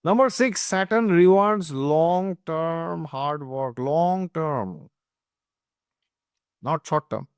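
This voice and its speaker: Emphatic astrology teacher. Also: male voice, a little high, lively intonation, very slow, clear, resonant tone, no room sound, clean studio sound. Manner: emphatic, repeats points, often asks "okay?". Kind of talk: explanatory talk.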